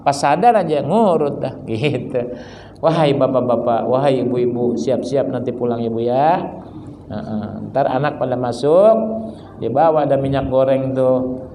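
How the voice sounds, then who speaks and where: A man's voice: mid-range voice, unhurried, warm tone, slight background noise. A man with a Betawi Jakarta accent preaching a sermon, joking and acting out little dialogues in different voices. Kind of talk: Islamic study sermon.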